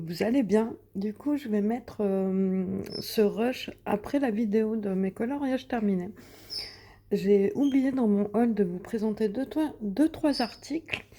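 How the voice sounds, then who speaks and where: A young woman talks through her coloring projects at home in a relaxed vlog. Her voice is mellow and soft-edged, at an ordinary pitch for a woman. She rambles a little, stopping and restarting with plenty of fillers. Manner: chatty, hesitant, many fillers and restarts. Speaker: coloring vlogger. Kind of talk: casual show-and-tell vlog. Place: at home in front of a window.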